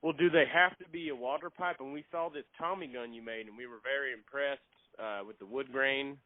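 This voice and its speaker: A man making a phone call, polite and halting, often repeating his words. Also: medium pitch, no room sound. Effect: heard over a phone line. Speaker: prank caller. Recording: thin, dry phone line.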